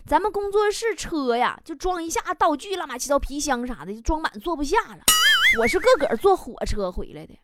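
A young woman with a Northeastern Chinese accent doing a chatty stand-up monologue on stage, telling stories with lively exclamations. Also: high-pitched, very noisy. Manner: chatty, animated storytelling with exclamations. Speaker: stand-up comedian. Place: stage before a live audience. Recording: loud audience laughter.

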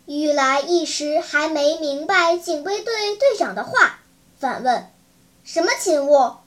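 A woman's voice: high voice, lively intonation, unhurried, a bit bright. A woman narrating a children's story in a vivid, dramatic storytelling manner. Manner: vivid, dramatic, clear enunciation.

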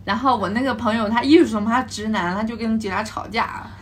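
Animated young woman telling a story. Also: fairly high pitch, quick pace, slight background noise. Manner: lively, laughing, mimics others' speech. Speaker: podcast guest. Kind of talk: casual storytelling.

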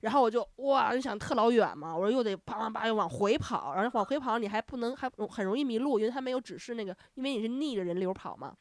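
一位女主播在闲聊中讲旅行经历，讲得绘声绘色，常常笑，还会模仿对话。. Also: female voice, fairly high pitch, fast talker, few pauses, no echo, clean studio sound. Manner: animated, laughs often, acts out dialogue. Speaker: podcast host. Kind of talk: casual chat, storytelling.

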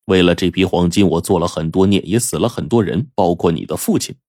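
A man voicing an elderly male former commander confessing a secret in a solemn, measured tone. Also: sits low, a little mellow, no echo, studio quality.

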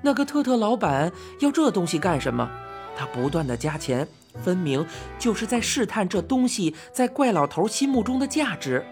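A woman narrating a children's storybook in the first person, lively and expressive. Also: mid-range voice, normal speed, faint music behind.

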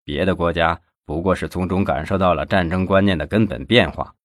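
A man voicing a retired older army officer in an audiobook, speaking in a low, subdued, earnest way. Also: a little fast, no echo, clean studio sound, close to an everyday voice.

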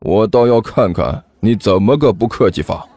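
A man's voice: mid-range voice, sing-song, normal speed, dark tone, dry recording. A man voicing a stern school teacher who sneers and scolds. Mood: sneering. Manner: cold, sneering.

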